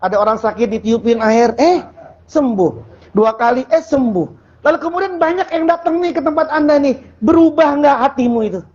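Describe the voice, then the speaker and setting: High-voiced male preacher, muffled recording. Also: normal speed, darkish tone. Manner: colloquial, joking, asks the audience questions. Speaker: Islamic preacher. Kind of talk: informal Sufi sermon.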